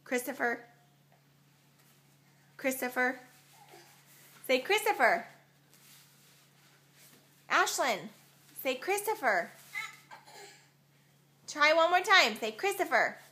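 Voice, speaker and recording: A woman's voice: high voice, very animated, takes it slowly, pauses often, pushed and bright. A woman at home in a casual video, coaxing a toddler to repeat words, patiently repeating prompts and laughing often. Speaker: parent coaching a toddler.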